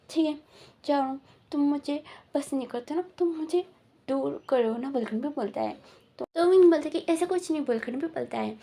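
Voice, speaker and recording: A woman's voice: fairly high pitch, dark tone. A woman casually retelling a romantic fan fiction, rambling along with many repeated fillers. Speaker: storyteller.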